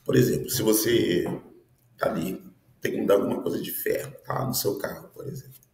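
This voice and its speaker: Deep-voiced pastor in his fifties, preaching. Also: brisk, a little mellow, roomy sound. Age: 50s. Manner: earnest preaching with frequent tag questions. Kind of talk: prophetic teaching sermon.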